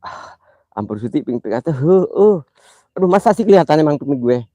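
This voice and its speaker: A man's voice: fairly high pitch, lively intonation, a little fast, warm tone, dry recording, muffled recording. A man hosting a live mystery-hunt stream outdoors in a cemetery at night. He talks in a playful, teasing, jokingly affectionate way, and his nose sounds stuffy from a cold. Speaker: livestream host.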